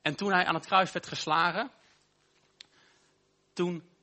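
A man preaching a sermon, with an emphatic, repetitive cadence and slow, stressed phrases. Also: high voice, steady tone, sharp tone.

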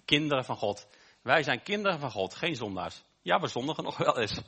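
A man preaching a sermon, with an emphatic, repetitive cadence and slow, stressed phrases. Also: medium pitch, sing-song, bright, forceful tone, breathy edge.

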